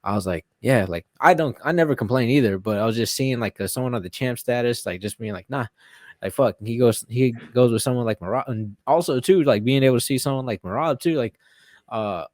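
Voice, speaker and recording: A man's voice: mid-range voice, fairly quick, darkish tone, dry recording, clean studio sound. A man guest in a casual interview, telling stories in a rambling way with lots of fillers and swearing. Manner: rambling, profane storytelling with many fillers. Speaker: guest fighter.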